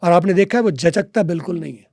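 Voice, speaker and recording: A man's voice: sits high, quick pace, gravelly, darkish tone, no echo, studio quality. A man, a teacher guest on a podcast, lecturing and repeating example words. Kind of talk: podcast interview, explaining.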